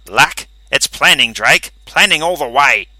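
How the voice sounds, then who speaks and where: A man's voice: mid-range voice, expressive, measured pace, pushed and bright, no echo, voice pushed up, heavily acted, rough recording. A man voicing a smug, self-assured older male inventor in an audiobook reading. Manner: emphatic, confident.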